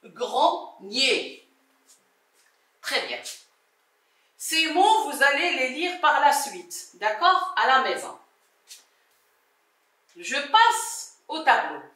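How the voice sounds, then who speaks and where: A woman teaching a primary reading lesson, sounding out syllables slowly and repeating each word. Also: sits high, bright, forceful tone. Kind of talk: slow, deliberate reading lesson. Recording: roomy, from a distance, faint music.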